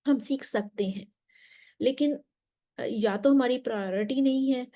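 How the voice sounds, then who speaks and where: With a fairly high voice, a female teacher walks through a Quran recitation lesson slowly and carefully. Arabic recitation falls between her explanations, and she sometimes whispers softly.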